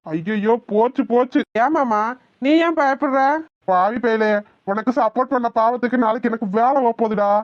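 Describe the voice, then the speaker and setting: A woman's voice: on the high side, moderate pace, dry recording, lo-fi sound, close to an everyday voice. A woman voicing a flustered middle-aged village uncle in a cartoon, fretful and pleading. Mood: panicked. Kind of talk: cartoon voice acting.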